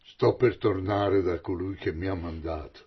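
Guy playing jesus, husky and booming, slow solemn bible reading, kinda muffled. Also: full character voice. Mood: proclaiming. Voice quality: husky, loud and declamatory. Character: man preaching as Jesus, solemn and commanding.

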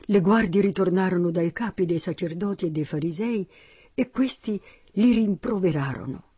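High-voiced male Bible narrator. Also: normal speed, husky, no echo, highs cut off. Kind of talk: Bible reading.

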